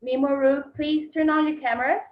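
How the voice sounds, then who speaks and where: A woman's voice: sits high, steady tone, moderate pace. A woman interpreting live on a video call, hesitant with fillers and restarts, heard over a bad internet connection. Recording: muffled, echoey video call audio.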